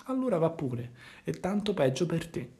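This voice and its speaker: A man voicing a sly, scheming fox who talks smoothly and coaxingly, sometimes dropping to a hush. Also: a little high, sing-song, normal speed, voice pushed up.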